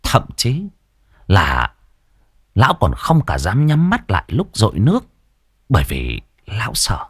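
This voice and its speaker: A man reading a story aloud in an expressive, lively way. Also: sits low, husky, dry recording, clean studio sound. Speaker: audiobook reader. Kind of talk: storytelling narration.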